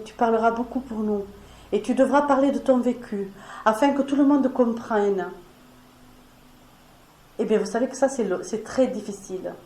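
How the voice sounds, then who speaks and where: A woman's voice: on the high side, dark tone. Woman with a foreign accent, echoey room. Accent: foreign accent in French. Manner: earnest, conversational, pauses with fillers. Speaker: speaker leading a spiritual discussion. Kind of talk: spiritual talk to a small audience. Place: meeting room before an audience. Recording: echoey room with faint noise.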